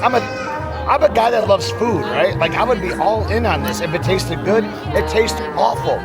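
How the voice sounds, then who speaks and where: A man chatting casually on a vlog, reacting to food in a joking, animated way, outdoors. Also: sits high, moderate pace, loud music behind the voice.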